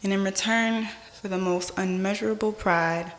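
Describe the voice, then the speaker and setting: A woman performing spoken word poetry in a dramatic, rhythmic delivery with deliberate pauses and swells. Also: medium pitch, fairly even intonation. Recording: echoey hall with long reverb.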